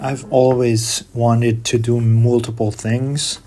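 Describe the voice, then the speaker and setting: A middle-aged Hungarian man, a guest organist and composer, answering interview questions in measured English with frequent pauses and fillers. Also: mid-range voice, flat delivery, warm tone, soft background music.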